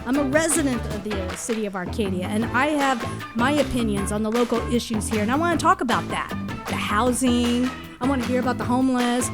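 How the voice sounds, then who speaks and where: A woman's voice: fairly high pitch, brisk. Chatty woman podcast host, music underneath. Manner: rambling, chatty, restarts sentences. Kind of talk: chatty local podcast interview. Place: studio with guest.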